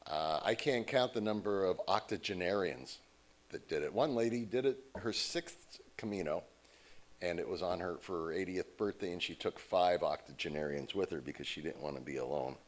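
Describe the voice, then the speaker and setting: A low-voiced American man speaking at a moderate pace addresses a church congregation as a guest, telling stories informally from the pulpit and acting out quoted voices.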